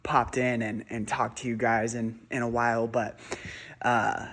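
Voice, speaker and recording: A man's voice: mid-range voice, flat delivery, unhurried, fairly bright tone. A man, a weight loss coach, talking casually to his viewers while a bit congested from a cold, rambling and often checking in with "right?". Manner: rambling, repeats words, asks "right?" often. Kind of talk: casual talk to camera.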